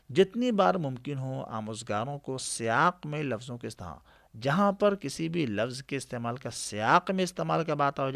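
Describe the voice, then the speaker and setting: Gravelly, lively male teacher explaining answers. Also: mid-range voice. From India. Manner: explains answer options step by step, asks rhetorical questions and tags with "right?"; mixes English teaching terms into the explanation. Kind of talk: exam-prep lecture.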